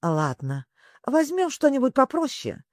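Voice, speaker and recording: A storybook reader voicing a fussy, excitable male griffin who grumbles. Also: high voice, a little slow, no echo, studio quality, voice pushed up, heavily acted.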